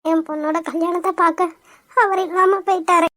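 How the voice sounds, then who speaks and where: Woman voicing a cartoon widow mom, weepy and gentle, super high pitched. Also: steady tone, brisk, no room sound, clean studio sound. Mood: tearful. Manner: emotional, gentle. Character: tearful widowed mother of the bride. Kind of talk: cartoon voice acting.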